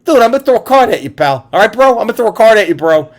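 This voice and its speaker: A man putting on the voice of a lazy, chummy dude-bro actor, pitched up high. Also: sing-song, very fast, slight background noise. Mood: cocky.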